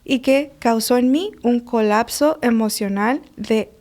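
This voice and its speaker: Unhurried and fairly high-pitched, with a darkish tone, this adult mother works as a life coach. In a conversational interview she speaks earnestly about feelings and child-rearing, sharing personal stories and acting out quotes.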